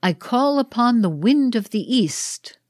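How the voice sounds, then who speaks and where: A woman voicing the Green Man of Spring, a solemn heroic champion, declaiming slowly in a read-aloud ritual play. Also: on the high side, animated, a little mellow, no room sound, studio quality, voice pushed up.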